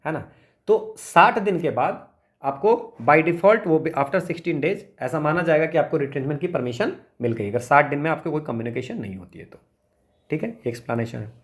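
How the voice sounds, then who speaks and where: A man's voice: fairly high pitch, normal speed. A man teaching an exam revision lecture, explaining step by step, asking rhetorical questions and checking in often with tag questions. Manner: frequent tag questions like "है ना" and "ठीक है".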